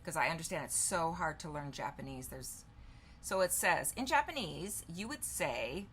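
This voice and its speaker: This woman in her fifties has a low, fairly bright voice and speaks animatedly at a normal pace, over a slight hiss or hum. A vlogger giving a casual demo to camera, she chats as she types, thinking aloud and reading answers aloud from her screen.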